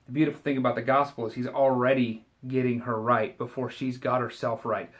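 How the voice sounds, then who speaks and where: A man giving a short devotional Bible commentary, talking in a relaxed, conversational way and paraphrasing scripture in everyday speech. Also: mid-range voice, brisk. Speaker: Bible teacher.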